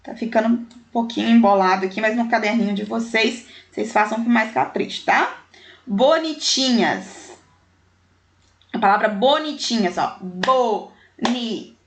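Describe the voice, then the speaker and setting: A woman's voice: on the high side, moderate pace. A woman teacher, taking young pupils through a primary school language exercise and counting syllables and letters aloud with affectionate diminutives.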